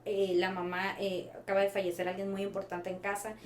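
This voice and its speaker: A woman, a child therapist explaining things in a casual podcast chat, lively when she imitates her young patients. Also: mid-range voice, fairly quick. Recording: roomy echo, faint background noise.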